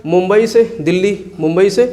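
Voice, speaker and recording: A man's voice: high voice, moderate pace, warm tone. A male tutor from walks students through exam map work. He keeps asking questions and answering them himself, repeating every place name so it sticks. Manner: repeats key place names for drilling. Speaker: teacher.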